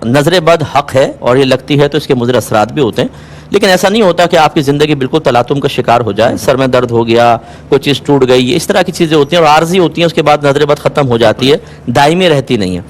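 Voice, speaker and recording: A man answering viewers' religious questions on a call-in show, calm and explanatory, asking listeners to check they follow. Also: a little high, slight background noise. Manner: calm, explanatory, patient advice; asks rhetorical checks, occasionally amused.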